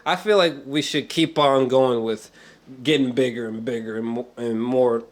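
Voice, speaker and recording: A man rambles casually through a film review like an excited fan, swearing freely and often hesitating or repeating himself for emphasis. His voice is mid-range and his pace moderate.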